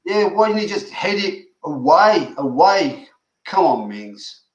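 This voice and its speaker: A man's voice: fairly high pitch, big pitch swings, slow pace, echoey room, muffled recording. An older grandfather, chatting casually and urging the players on during a live football reaction. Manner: chatty, restarts sentences, urges the players on. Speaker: grandfather co-watching the match.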